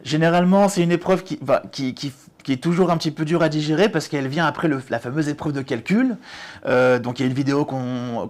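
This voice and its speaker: In an interview, a middle-aged test-prep director and author explains exam strategy in a fairly high voice. He often restarts his sentences and adds lively emphasis.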